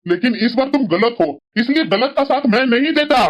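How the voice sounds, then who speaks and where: A voice actor playing a fair-minded older father-in-law in a cartoon drama, calm and firm. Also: mid-range voice, brisk, lightly acted. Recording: dull lo-fi audio.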